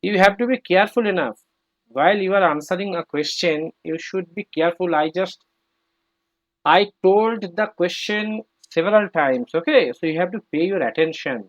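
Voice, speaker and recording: A man's voice: high-pitched, drawn-out words, highs cut off. A man teaching English to children in an online class, firm and repeating his prompts, heard over a video call.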